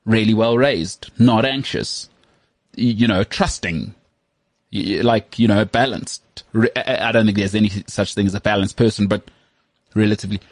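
A man's voice: lowish voice, moderate pace, dry recording, clean studio sound. A man in his thirties hosting a casual chat, rambling and self-mocking with lots of restarts. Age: 30s. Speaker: podcast host.

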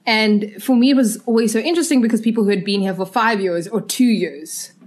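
A woman's voice: on the high side, fairly quick, darkish tone. A woman around thirty, from Zimbabwe and raised in South Africa, hosting a podcast and talking earnestly about identity and loss. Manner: reflective, earnest. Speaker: podcast host. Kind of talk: conversational podcast interview.

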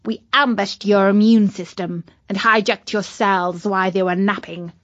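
A woman's voice: mid-range voice, fairly even intonation, moderate pace, dry recording, dull audio, close to an everyday voice. A woman voicing a mean, boastful little male virus who talks like a pirate.

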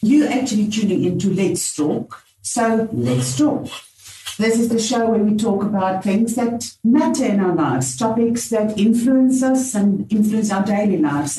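Mellow South African woman hosting radio talk. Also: medium pitch. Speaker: radio talk show host. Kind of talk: hosting a panel discussion. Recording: roomy, distant mic, faint background noise.

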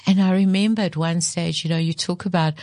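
Reflective, expressive woman psychologist, lowish voice. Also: fairly quick, dry recording. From South Africa. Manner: reflective, expressive, repeats phrases for emphasis. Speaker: interview guest, psychologist. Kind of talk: in-depth interview conversation.

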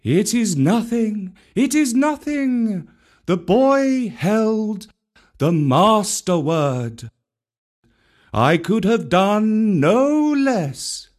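A man voicing a male kite who brings a message, speaking slowly and formally in a raised, distant-sounding voice. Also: high-pitched, very animated, darkish tone, pitched above the performer's own voice, full character voice. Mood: modest. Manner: slow, formal, ringing delivery. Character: high-flying male kite, messenger bird.

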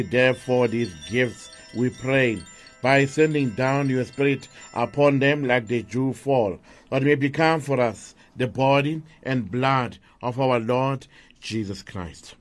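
A man's voice: mid-range voice, dry recording. A man speaking as a priest at Mass, reciting liturgical prayers in a solemn, formal way.

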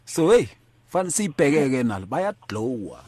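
A man's voice: medium pitch, sing-song, moderate pace, a crowd in the background. A man with a South African accent hosting a casual talk show, switching between English and a Nguni language. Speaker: radio host.

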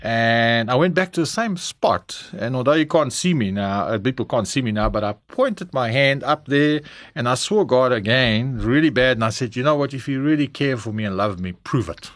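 A man's voice: mid-range voice, animated, normal speed, fairly bright tone, no room sound. A middle-aged South African man with a South African English accent, frankly telling his personal testimony as an interview guest. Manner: candid, frank storytelling.

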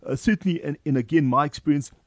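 Fast-talking South African male host. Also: on the high side, no room sound. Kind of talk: conversational interview hosting.

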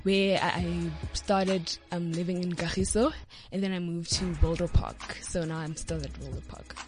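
A woman's voice: fairly low pitch, steady tone, normal speed, a little mellow, soft background music. A young woman from Johannesburg with a South African accent, answering interview questions in a radio studio, bubbly and full of fillers. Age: young adult. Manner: bubbly, many "yes" and "like" fillers. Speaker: studio guest, student and model.

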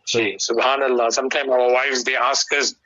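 A man's voice: mid-range voice, flat delivery, normal speed, bright, forceful tone. A middle-aged man with a South African Indian accent gives conversational religious advice in an emphatic, preacherly way, repeating key phrases. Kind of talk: conversational radio sermon. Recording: slightly dull radio broadcast sound.

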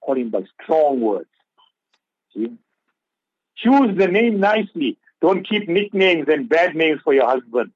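A man's voice: on the high side, sing-song, measured pace, pauses often, no echo, dull audio. A man giving religious advice on a radio talk show, preaching and repeating key phrases for emphasis. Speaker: Islamic scholar on radio.

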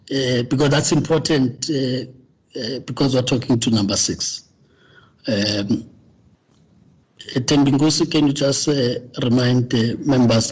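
A man chairing a formal committee meeting, speaking haltingly with many fillers. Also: medium pitch, breathy edge, low-quality recording.

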